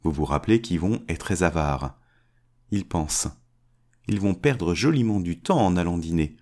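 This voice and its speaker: A man reading a fairy tale aloud as a storyteller, changing his pitch to give each character a voice. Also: lively intonation, measured pace, darkish tone.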